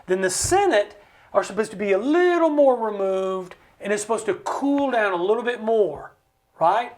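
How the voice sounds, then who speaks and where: An American man speaking as a studio interview guest. He explains with passion and acts out other people's voices with big swings in pitch. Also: animated, moderate pace, darkish tone. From United States. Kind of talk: impassioned conversational explanation. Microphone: studio mic.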